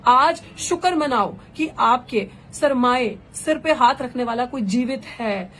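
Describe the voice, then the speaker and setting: A woman's voice: a little high, animated, slow, fairly bright tone, a little hiss or hum. A woman activist and candidate giving an impassioned live political address, rhetorical and fervent, slipping English phrases into her speech.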